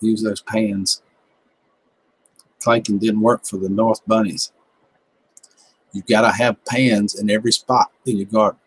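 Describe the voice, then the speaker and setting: This gardening livestream host, a man in his fifties with a Southern American accent, speaks a little slowly with long pauses as he casually reads viewer comments in a laid-back, joking, folksy way. His lowish voice is level in tone with a breathy edge, and the recording is low quality.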